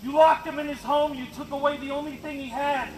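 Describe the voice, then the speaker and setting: At a street rally with traffic behind him, a man shouts a confrontational protest speech through a bullhorn, briskly hammering out accusations in a very high, fairly even voice. The outdoor recording is noisy and echoey.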